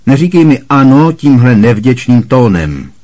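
Casting: a man doing a blustering harsh aunt, high and loud, lively, husky edge, storybook reading. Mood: scornful. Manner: booming, barking and harshly scolding. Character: bossy loud middle-aged aunt who scorns the boy.

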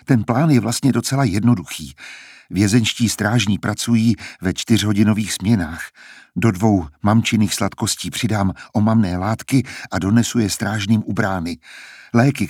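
A man's voice: on the low side, a little mellow, husky, no echo, clean studio sound. A man voicing an earnest, determined young man who talks in an urgent, persuasive way, in a storybook reading.

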